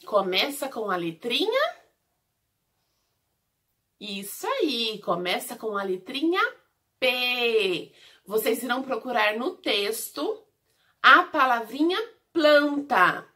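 A bright, lively woman leads a lesson for little children. She speaks very slowly and in a sing-song way, stretching and repeating syllables so they can follow. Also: fairly high pitch. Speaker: preschool teacher. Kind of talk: recorded lesson for young children.

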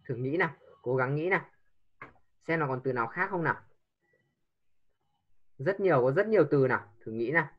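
A man's voice: a little high, expressive, fairly quick, long pauses, muffled recording. A man teaching an English lesson to a child, patiently coaxing with repeated prompts.

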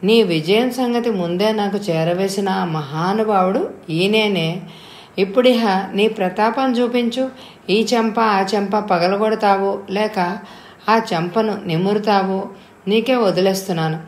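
A woman's voice: mid-range voice, unhurried, lightly acted. Woman doing a playful teasing young friend. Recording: echoey room.

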